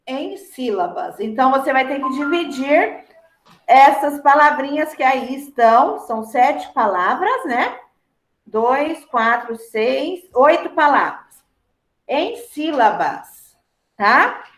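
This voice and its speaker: A Brazilian Portuguese-speaking woman teaching a class, slowly spelling out and repeating words for her students in a patient manner. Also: high-pitched, a bit bright, reverberant.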